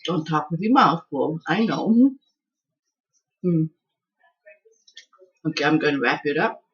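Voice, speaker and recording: A woman's voice: low-pitched, animated, slow. A woman home cook in a casual cooking video, chatting as she tastes and often restarting her words. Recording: dull lo-fi sound.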